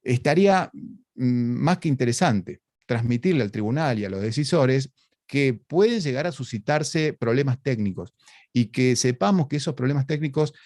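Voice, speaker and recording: A man's voice: medium pitch, animated, moderate pace, darkish tone, dry recording. Argentine man lecturing, very dry sound. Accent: Argentine Spanish. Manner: explanatory, conversational, uses rhetorical questions. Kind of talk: academic talk over video call.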